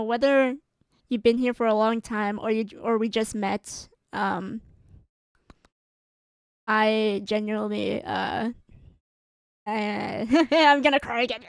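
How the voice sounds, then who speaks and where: A woman's voice: fairly high pitch, creaky, dry recording, clean studio sound. A woman streamer chatting casually as she signs off, giggly and rambling, with a strained, tired voice. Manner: giggly and rambling, with frequent laughs and fillers. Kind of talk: casual stream sign-off chat.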